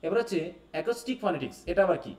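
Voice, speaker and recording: Male teacher, lecturing a live class and checking in often; slightly high voice, set back from the mic. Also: expressive, rapid-fire, a little mellow, far from the mic. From Bangladesh. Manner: keeps checking with students, mixes English terms. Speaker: English teacher. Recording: echoey room, away from the mic.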